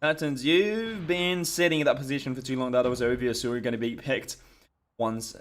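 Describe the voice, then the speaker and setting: A man's voice: mid-range voice, normal speed. Chatty male esports co-caster, French accent. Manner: chatty, hesitant fillers, clears his throat. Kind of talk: live game commentary.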